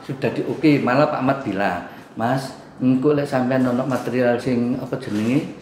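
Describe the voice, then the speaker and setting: A middle-aged man with an East Javanese accent animatedly retells a neighborhood dispute to a mediator, acting out the arguments he quotes. His voice is mid-range, a little mellow, at normal speed, recorded in an echoey room with a faint background hum.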